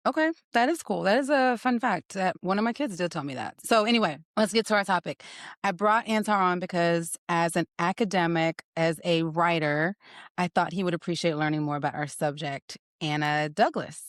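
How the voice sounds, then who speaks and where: With a fairly low pitch and a moderate pace, a woman in her thirties chats playfully on her podcast, teasing her guest and laughing frequently ahead of a story. The studio-quality audio has no room sound, and the talk is a casual interview.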